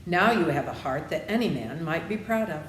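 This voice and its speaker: A woman's voice: fairly low pitch, lively intonation, moderate pace, close to an everyday voice. A woman voicing a kindly little humbug wizard, a cheerful man, as she reads a storybook. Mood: breezy, reassuring. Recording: roomy echo, clear background noise.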